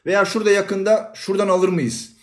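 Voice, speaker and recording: A man co-hosting a casual podcast about communication, with a slight Aegean accent, animated and laughing often. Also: sits high, brisk. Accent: slight Aegean Turkish. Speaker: podcast co-host.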